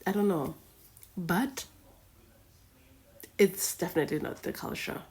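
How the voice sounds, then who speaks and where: Woman, gravelly voice, frank, lecturing, reaction commentary. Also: lowish voice, unhurried, darkish tone. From southern Africa. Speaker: reaction video host.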